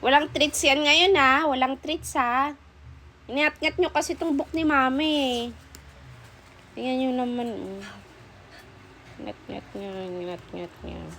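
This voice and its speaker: At home, a woman vlogs while mock-scolding and coaxing her dogs in pet talk. Her voice sits high and comes out a little slow, pushed and bright, on a low-quality recording with a little hiss or hum.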